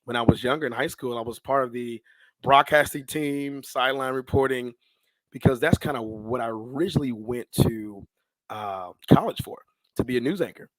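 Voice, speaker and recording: On a rough recording with no room sound, a medium-pitched American man of around thirty-something chats at a moderate pace in an interview. A podcast guest who works as a sports PA announcer, he tells stories animatedly in slang, voicing his old thoughts and conversations.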